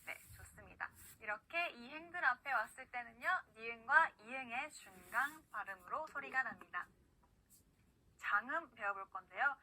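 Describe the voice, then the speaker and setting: Woman, language teacher, online lesson, patient, slow model words, high voice, very bright tone. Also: lively intonation, rough recording. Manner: patient, repeats words slowly for the learner to copy. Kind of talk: scripted online pronunciation lesson.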